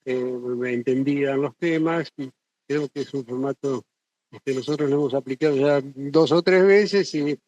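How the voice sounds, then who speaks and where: A man's voice: medium pitch, normal speed, darkish tone, no echo. Hesitant man, dry close sound. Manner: hesitant, many fillers and restarts, jokey. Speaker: institute director closing a symposium. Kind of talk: casual academic closing remarks.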